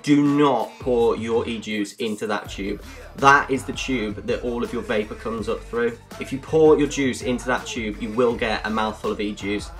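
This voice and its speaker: A man's voice: mid-range voice, normal speed, faint music behind. A man giving a casual, jokey product review, explaining things step by step.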